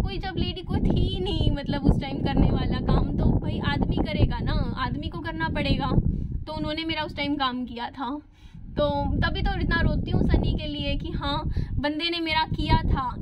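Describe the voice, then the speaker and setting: A woman's voice: sits high, very noisy. A woman vlogger candidly retelling a painful family conflict in a personal storytelling style.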